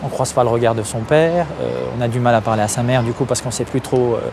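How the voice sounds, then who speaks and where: Background noise accompanies this candid interview, where the Algerian activist guest, a fast talker with a medium-pitched voice, keeps hesitating with fillers and restarts as he responds openly.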